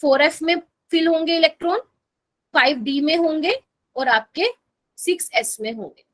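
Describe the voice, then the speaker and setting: A woman with a high voice teaches a chemistry lesson online. She speaks with a Hindi accent. She walks through each step and keeps asking her students whether they are following. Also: expressive, moderate pace, fairly bright tone. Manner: explains step by step, asks students to confirm with "okay?". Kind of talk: online class lecture.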